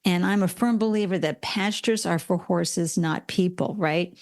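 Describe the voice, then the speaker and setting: Animated woman in her sixties. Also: fairly low pitch, moderate pace. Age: 60s. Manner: animated storytelling with quoted voices. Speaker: podcast guest. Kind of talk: conversational interview.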